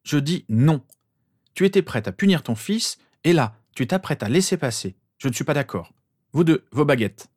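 A man's voice: mid-range voice, animated, brisk, a little mellow, no echo, clean studio sound, natural voice. A man doing a cold, firm father. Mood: stern.

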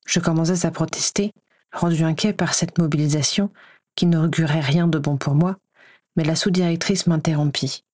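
A woman narrates a first-person story in a steady, even reading voice. Her voice is low and husky. The recording is dry and close, with no room sound. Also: moderate pace, no room sound. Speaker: audiobook reader.

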